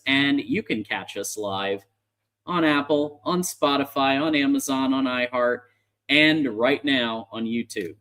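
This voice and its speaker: Guy hosting a casual sports stream, really bright forceful voice, upbeat chatty patter. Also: medium pitch. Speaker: sports show host. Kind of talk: casual livestream sports talk.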